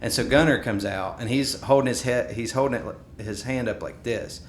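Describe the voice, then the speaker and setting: A man in his thirties chatting on a podcast, spinning an animated story and acting out the quotes. His voice sits at a medium pitch. The room is echoey, with a faint rumble underneath. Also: normal speed. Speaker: podcast co-host. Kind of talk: casual chat.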